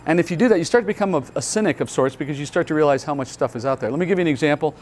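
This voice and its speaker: At a conference hall, a male pastor gives a Bible teaching in a slightly high voice, racing along. He explains earnestly, step by step, and poses rhetorical questions.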